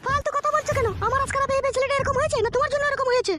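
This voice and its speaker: A woman's voice: very high-pitched, steady tone, rapid-fire, very noisy. A woman playing a worried village mother who scolds and pleads with her husband about their missing son, in a comic audio drama. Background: background music.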